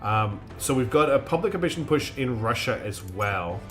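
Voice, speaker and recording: With music in the background, a man of medium pitch and lively intonation talks at normal speed during a live strategy game stream. He reasons aloud casually, stumbling through ums and restarts, his nose slightly blocked.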